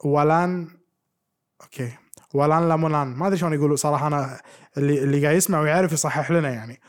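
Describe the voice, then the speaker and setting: A man co-hosting a casual podcast. He talks quickly in a slightly high voice. He is playful and keeps quizzing his friend. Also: fairly even intonation. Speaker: podcast co-host. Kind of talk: casual chat.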